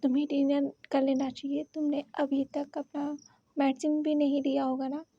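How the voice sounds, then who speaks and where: A woman's voice: high-pitched, flat delivery, moderate pace, highs cut off. A woman voicing a stern, possessive company president who gives curt orders, in a read-aloud fan story. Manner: curt, commanding, scolding.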